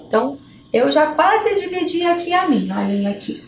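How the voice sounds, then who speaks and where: A woman's voice: high-pitched, big pitch swings, normal speed, a little hiss or hum. A woman primary school teacher with a Brazilian Portuguese accent, giving a video lesson to children, patiently breaking words into syllables and checking in often.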